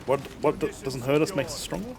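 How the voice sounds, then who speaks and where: A man's voice: a little high, expressive, brisk, creaky. A man chatting casually on a game livestream, rambling in a mildly exasperated way. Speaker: game streamer.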